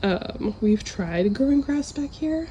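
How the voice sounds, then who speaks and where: A woman's voice: high voice, expressive, slow, noisy background. A woman who is under the weather, chatting casually and informally to camera in a self-deprecating vlog style. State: sick with a cold. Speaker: vlogger.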